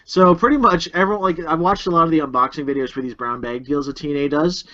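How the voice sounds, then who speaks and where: A man's voice: a little high, quick pace, pushed and bright. A man co-hosting a casual podcast from a room at home, laid-back and laughing often. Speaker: podcast co-host. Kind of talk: casual chat. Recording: dull lo-fi home recording.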